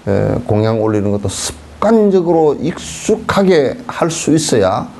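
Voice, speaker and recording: A middle-aged Buddhist monk gives a casual sermon in a warm, lowish voice, with a little hiss or hum in the background. He tells folksy stories, sometimes acting out voices such as beggars' songs and regional dialect.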